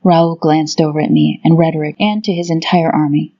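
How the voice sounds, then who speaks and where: A woman's voice: low voice, fairly even intonation, a little fast, dark tone, dull audio. A woman narrating a fantasy audiobook in a scripted, dramatic storytelling style.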